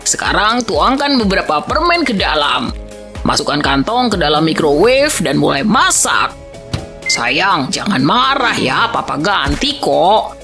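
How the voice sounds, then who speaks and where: A gentle, doting young dad in a dubbed comedy sketch. The voice is patient and soothing, with a slow, unhurried pace and a pitch that swings lively up and down. Clear background music runs behind it. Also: female voice, full character voice. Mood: fond.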